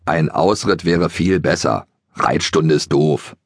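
A man's voice: a bass voice, lively intonation, slow, no echo, studio quality, exaggerated voice. A man doing a stubborn, grumbling young pony.

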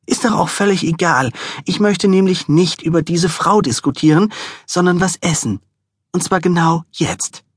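A man voicing a demanding, heavily pregnant young woman with late-night cravings, shrill and bratty. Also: normal speed, breathy edge, no echo, studio quality. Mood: insistent.

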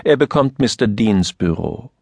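A man voicing a fussy male office manager in an audiobook, giving brisk instructions. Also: lowish voice, lively intonation, vocal fry, a little mellow, dry recording, exaggerated voice. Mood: businesslike.

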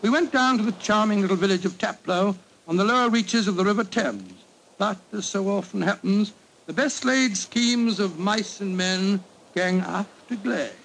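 An actor playing an older doctor telling a story in 1940s radio drama style, bluff and chuckling. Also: male voice, high voice, moderate pace, creaky, a bit bright, poor audio. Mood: reminiscing. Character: older male English doctor, genial storyteller. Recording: old radio broadcast with faint hiss.

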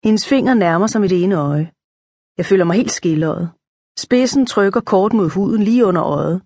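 A woman's voice: mid-range voice, no echo. A woman reading a first-person children's story aloud, lifting her voice for the girls' lines. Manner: lively, lifts her voice for the girls' dialogue. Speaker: audiobook narrator.

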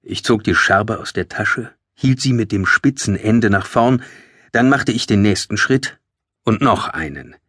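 Male narrator, low husky voice, dry close studio sound, tense measured delivery. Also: animated, a bit bright, no echo. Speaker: audiobook narrator. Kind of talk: scripted first-person audiobook narration. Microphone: close studio mic.

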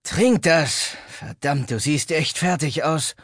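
A man's voice: a little high, takes it slowly, fairly bright tone, no echo, clean studio sound, exaggerated voice. A man voicing a worried, stern young man who scolds his best friend in an urgent way.

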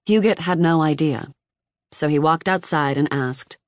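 Measured audiobook narrator, dry booth sound. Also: mid-range voice, no room sound. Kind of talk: scripted nonfiction narration.

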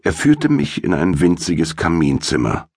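A man narrates a first-person audiobook in a measured, dramatic way. His voice is extremely low and slightly husky. The recording is dry and close with no room sound. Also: sing-song, a little mellow, no echo.

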